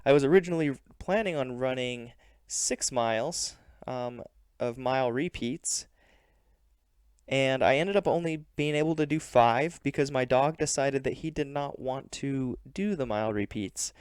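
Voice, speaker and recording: A man with a smooth, clean voice narrates his vlog in a plain and measured way. The sound is dry and close, with little room to it. He reports earnestly, like someone giving a personal recap of his training. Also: medium pitch, darkish tone, no room sound. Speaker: running vlogger.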